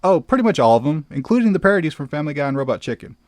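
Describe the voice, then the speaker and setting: A man's voice: a little high, very animated, racing, darkish tone, no echo. A man hosting a comedic film review, exclamatory and sarcastic as he narrates.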